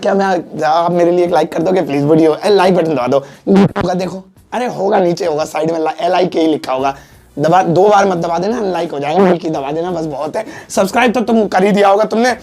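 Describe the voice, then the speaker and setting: A man leads an English lesson with a gravelly edge to his voice. He jokes and teases between explanations and says every example twice, once in Hindi and once in English. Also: high voice, darkish tone. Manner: joking, teasing asides between explanations. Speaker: English teacher. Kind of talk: classroom-style spoken lesson.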